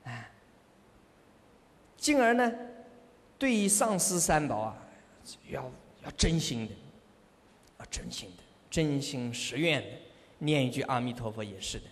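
A man giving a Buddhist sermon as a monk, telling lively stories with rhetorical questions and self-confession. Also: medium pitch, measured pace, pauses often. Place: monastery hall. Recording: long hall reverb.

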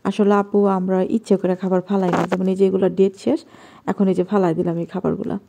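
A woman from Bangladesh with a Bangladeshi accent, narrating a home cooking vlog in a soft, quiet voice at night in her kitchen. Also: medium pitch, level tone, quick pace, gravelly, a little hiss or hum. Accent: Bangladeshi Bengali. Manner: talking softly and quietly at night.

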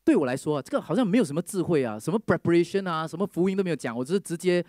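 Male preacher, storytelling testimony, slightly high voice, dry close sound, acts out the people in his story. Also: rapid-fire, no room sound. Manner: lively storyteller who mixes English phrases into Mandarin.

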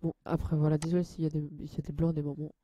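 A young man hosting a casual software tutorial, hesitant and full of fillers and restarts, addressing viewers as guys. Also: fairly high pitch, flat delivery, very fast, muffled recording. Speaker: channel host.

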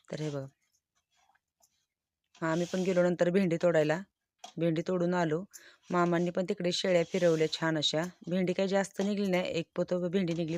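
A woman's voice: on the low side, a little mellow. A woman narrating her village life vlog in a casual, chatty and homely way, cheerfully describing everyday chores.

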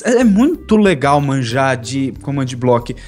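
A man's voice: mid-range voice, a little slow, soft background music. A young man from Brazil co-hosting a gaming video, joking and bantering playfully. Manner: playful, lively, jokey. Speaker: gaming channel co-host. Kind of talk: casual gameplay banter.

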